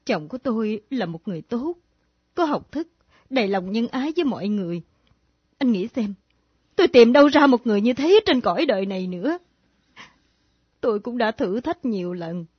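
A woman's voice: a little high, very animated, normal speed, pauses often, slightly rough, dry recording. An actress playing a grieving widow in her thirties who confesses a secret love with earnest pleading, in a radio drama. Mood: remorseful. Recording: dull lo-fi old radio recording.

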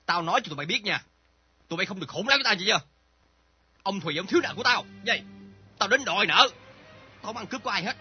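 Old male moneylender, greedy bully and coward: husky, high and jumpy, dull lo-fi recording. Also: animated, rapid-fire, pauses often, full character voice. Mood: domineering. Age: older. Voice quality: husky, blustering. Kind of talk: radio drama acting. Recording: dull lo-fi recording with faint music.

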